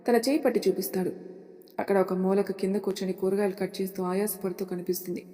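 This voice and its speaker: A woman narrating a Telugu audio story in a steady, plain reading voice. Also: medium pitch, fast. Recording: long hall reverb.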